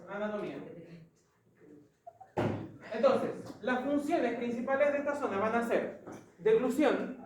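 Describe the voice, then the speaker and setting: A woman's voice: a little high, a little mellow, recorded from a distance. A woman with a Chilean accent teaching an anatomy class, explaining step by step and putting questions to the students. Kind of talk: classroom lecture. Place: large classroom. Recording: echoey classroom from afar.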